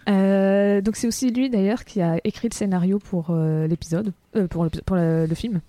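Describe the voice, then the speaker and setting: A woman's voice: medium pitch, steady tone, moderate pace, dark tone, dry recording. A woman co-hosting a casual film podcast, explaining things step by step with many fillers. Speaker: podcast co-host.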